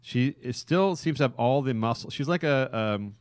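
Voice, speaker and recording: A man's voice: medium pitch, expressive, normal speed, clean tone, no room sound, clean studio sound. A man hosting a podcast, rambling crudely with frequent laughter. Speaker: podcast host. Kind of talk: casual crude podcast banter.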